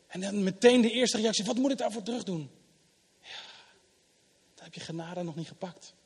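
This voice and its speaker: A middle-aged man preaching a sermon in a church hall in a conversational manner, swinging between loud emphasis and soft asides. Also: a little high, husky. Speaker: pastor. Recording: long hall reverb.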